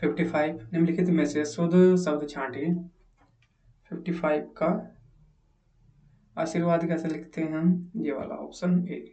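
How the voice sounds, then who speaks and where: A man's voice: on the high side, little pitch movement, normal speed, long pauses, mellow, recorded from a distance. A man teaching as he solves an exam paper, reading each question aloud and then asking and answering it himself. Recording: echoey room, mic set back.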